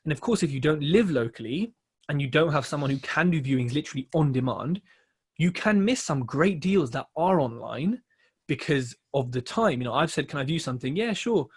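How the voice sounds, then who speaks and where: A man co-hosting a podcast in casual chat, explaining his reasoning step by step in a measured way with many fillers. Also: on the high side, animated, a little mellow, breathy edge. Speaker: podcast co-host, property investor.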